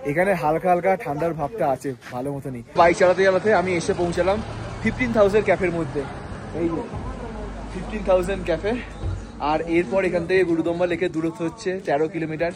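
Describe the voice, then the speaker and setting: A man from India narrating a motorcycle travel vlog outdoors on a high mountain road, short of breath and talking slowly in short phrases. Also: fairly even intonation, a crowd in the background. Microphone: action camera or phone on the bike trip. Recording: noisy outdoor recording with wind and engines.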